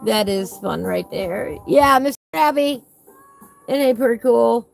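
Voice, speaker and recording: Female casual vlog host, fairly high voice with a whistle on her S's, folksy and gushing, faint music behind. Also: expressive, measured pace, gravelly. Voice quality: whistling S sounds. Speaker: host of a coloring book channel. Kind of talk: casual live chat while flipping through a book.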